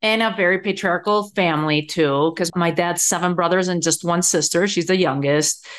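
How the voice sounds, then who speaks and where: A woman's voice: on the low side, normal speed. A middle-aged woman from Spain, a guest telling her story in a casual interview. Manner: conversational, many fillers. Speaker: podcast guest, entrepreneur.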